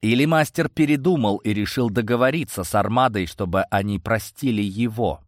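A man reading a story, voicing a hoarse young princess who sounds nervous and unsure. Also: fairly low pitch, brisk, no echo, clean studio sound, close to an everyday voice. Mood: uneasy. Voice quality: husky.

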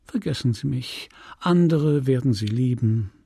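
Man reading murmuring restrained married woman, dark mellow voice, dry close sound. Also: mid-range voice, animated, unhurried, vocal fry, slightly rough, dry recording, heavily acted. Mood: gently refusing. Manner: quiet, murmuring, gently refusing.

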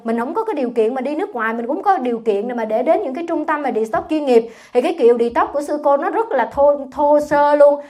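A middle-aged woman, a Buddhist nun, giving a dharma talk in an animated, colloquial way, scolding and telling stories. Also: high voice.

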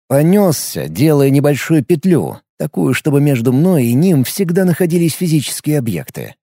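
A man reading a first-person audiobook story in a steady, measured way. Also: mid-range voice, vocal fry, no room sound, clean studio sound. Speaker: audiobook narrator. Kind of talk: first-person scripted narration.

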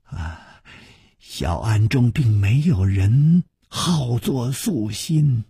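A man voicing a puzzled older female nun, speaking slowly in a raised, wavering voice, with a husky tone. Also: mid-range voice, lively intonation, warm tone, dry recording, studio quality, exaggerated voice. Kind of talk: storytelling performance.

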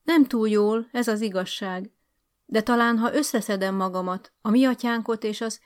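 Woman doing an eager young village schoolteacher. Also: lightly acted. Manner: earnest, eager, higher-pitched. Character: eager naive young female village teacher.

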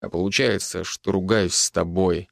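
A man voicing a gruff but tender army major speaking softly to his wife. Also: fairly even intonation, no room sound, studio quality. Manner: low, hushed, slow.

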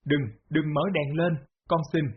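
A man's voice: on the high side, flat delivery, a little slow, a little hiss or hum, natural voice. A man reading the lines of a frightened young adult daughter crying out desperately. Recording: dull lo-fi audio.

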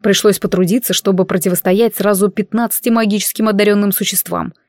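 A woman reading a fantasy novel aloud as an audiobook narrator in steady storytelling. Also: mid-range voice, fast talker, no echo, studio quality. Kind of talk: scripted narration.

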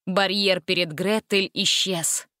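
A woman narrating a fairy-tale audiobook in an expressive, steady reading style. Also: mid-range voice, takes it slowly, dry recording, studio quality. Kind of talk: storybook narration.

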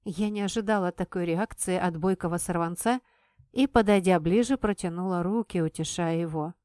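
A woman reading a first-person audiobook with calm, steady storytelling. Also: lowish voice, normal speed, dry recording, studio quality. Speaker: narrator.

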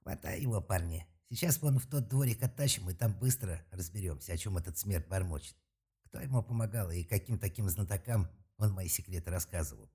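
A man's voice: on the low side, very animated, brisk, few pauses, dark tone, husky, voice pushed up. A man voicing an arrogant, hot-tempered young male mage student in an audiobook, speaking with a contemptuous snarl. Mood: enraged. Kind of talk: audiobook character voice.

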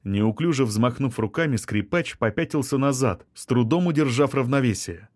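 A man narrating a novel in a steady, even storytelling manner. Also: mid-range voice, normal speed, no echo, studio quality. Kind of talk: audiobook narration.

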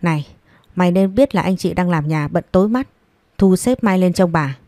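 A woman's voice: fairly low pitch, moderate pace, warm tone, no room sound, lightly acted. A woman voicing a blunt middle-aged man who talks down to his older brother in a scolding way. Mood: curt. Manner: curt, scolding.

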